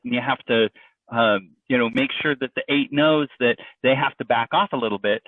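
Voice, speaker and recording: A man giving a relaxed webinar presentation, thinking aloud with plenty of fillers and restarts. His voice sits at a middling pitch and comes across dry and set back from the mic. The audio is narrow and phone-like, as on a video call. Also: dry recording, distant mic. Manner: conversational, loose, with frequent fillers and restarts.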